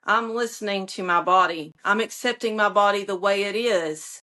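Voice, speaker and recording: A woman co-hosting a casual podcast chat about yoga, talking playfully in drawn-out phrases and laughing often. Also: mid-range voice, sharp tone. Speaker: podcast co-host, yoga teacher.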